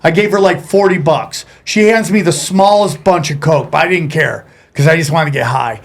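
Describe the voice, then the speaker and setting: A man with a high-pitched voice tells raunchy stories in casual podcast chat. He talks with profane, animated energy and acts out the people in each anecdote. He speaks as a stand-up comedian guesting on a show. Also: moderate pace, gravelly. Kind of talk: casual storytelling.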